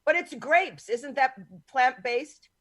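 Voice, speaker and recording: A woman's voice: high voice, slow, fairly bright tone, no echo. A woman hosting a podcast over a video call, teasing and blunt in casual chat. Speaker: podcast host.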